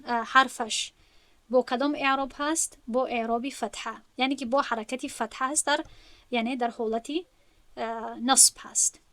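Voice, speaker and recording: A woman with a Tajik accent and a high, bright voice leads an online grammar lesson. She speaks patiently, working through each point in turn and revisiting the terms. The audio is close and dry, without any echo.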